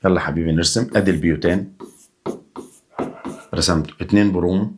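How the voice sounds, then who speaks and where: Faint music plays behind a young man with a deep, steady voice and an Egyptian accent as he talks fast through an energetic chemistry exam review. He is chatty and coaxing, answering his own questions as if he were the student.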